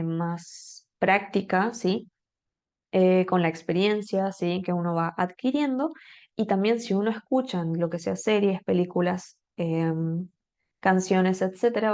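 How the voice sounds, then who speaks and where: Woman teacher with a gravelly creak. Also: mid-range voice, darkish tone. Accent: Rioplatense Spanish. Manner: explains patiently, checks in constantly with "¿sí?". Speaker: English teacher. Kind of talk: online language lesson.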